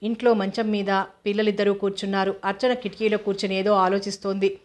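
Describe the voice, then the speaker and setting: A woman narrating an audio novel in a steady, even reading voice. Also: mid-range voice, quick pace.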